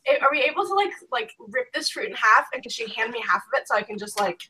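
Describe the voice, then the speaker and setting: A woman's voice: fairly high pitch, animated, fast talker, pushed and bright, slight background noise, low-quality recording. A woman playing a tabletop game, asking hesitant, trailing questions with many restarts. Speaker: player. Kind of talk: casual tabletop play.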